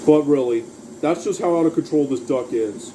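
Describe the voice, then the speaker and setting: A man's voice: a little high, normal speed, background noise. A man casually recapping a cartoon episode, rambling through the plot and quoting lines along the way. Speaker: cartoon reviewer.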